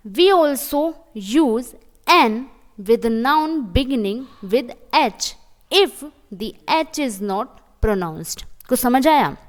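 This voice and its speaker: A woman teaching an English grammar lesson in Hindi, patiently repeating key points and asking the viewer questions, reading English examples out slowly. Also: on the high side, big-room sound. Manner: reads English example sentences slowly and deliberately.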